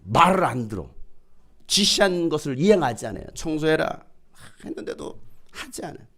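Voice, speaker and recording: A middle-aged man preaching a sermon as pastor, swinging from loud proclaiming to hushed storytelling. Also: a little high, sing-song, normal speed.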